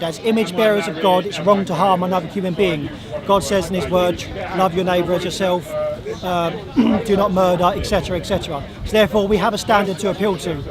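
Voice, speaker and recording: Pushing his points hard in a public park debate, a hoarse, high-voiced man argues insistently and goes back over his words whenever he's interrupted, while outdoor crowd murmuring carries clearly around him.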